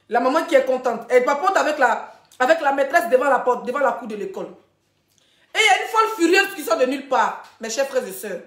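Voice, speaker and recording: A woman hosting a live video, chatting casually with her viewers and telling a story in an animated way, laughing often. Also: high voice. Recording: echoey room.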